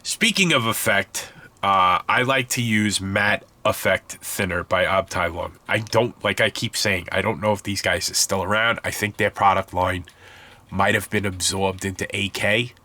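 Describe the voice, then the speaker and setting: This low, pushed, bright voice keeps fairly even intonation at a moderate pace. The stuffed-up, congested man is showing his scale model build in a casual hobby tutorial, rambling and fixing his words as he talks.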